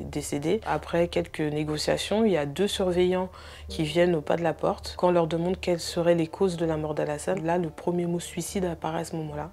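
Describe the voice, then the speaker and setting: A woman giving an earnest documentary testimony as a bereaved sister. She speaks hesitantly, with frequent filler pauses. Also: low voice, gravelly, mellow. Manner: earnest, emotionally heavy recounting.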